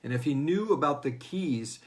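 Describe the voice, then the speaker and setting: A man whose voice runs on the high side, with a darkish tone, speaks animatedly at normal speed. He hosts and writes a serialized audio fiction series, and in this casual Q&A he talks informally while acting out character lines here and there.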